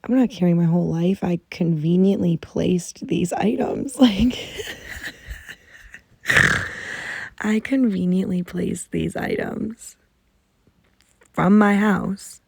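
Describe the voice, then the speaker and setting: Young woman podcasting under a blanket in her room, low-ish gravelly voice, exasperated rants w swearing. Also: unhurried, warm tone. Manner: chatty, exasperated ranting with swearing. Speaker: podcast host. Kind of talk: casual chat. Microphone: muffled under a blanket.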